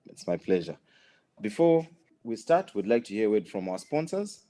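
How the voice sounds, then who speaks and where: A man's voice: fairly low pitch, big pitch swings, moderate pace, warm tone. A man hosting a business podcast, reading formal introductions and asking polite, upbeat questions. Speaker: podcast host. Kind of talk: scripted host introduction and questions.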